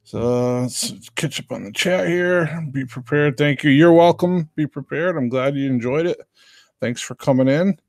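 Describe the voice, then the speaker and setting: With a somewhat high, darkish voice and a slightly slow pace, a man rambles casually to viewers on his live stream, hesitating and frequently trailing off. The recording is dry and studio quality.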